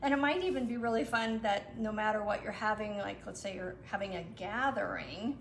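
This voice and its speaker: A woman guest explaining her recipes in a relaxed, casual chat, with lots of fillers. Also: medium pitch, fairly quick, vocal fry. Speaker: guest cook. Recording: echoey room with some noise.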